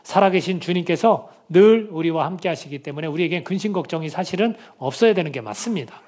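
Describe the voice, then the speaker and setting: 다소 높은 목소리로 설교하는 남자 목사. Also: male voice, on the high side, lively intonation, quick pace, a little mellow. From Korea. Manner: earnest preaching with rhetorical questions to the congregation. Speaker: pastor. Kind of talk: sermon.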